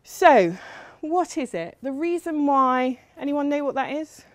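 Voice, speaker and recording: Woman lecturer from England, middle-aged, slightly high voice, chatty, lots of ums, dry close sound. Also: big pitch swings, unhurried, dry recording. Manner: chatty, self-deprecating, frequent ums. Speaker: university lecturer. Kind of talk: academic lecture.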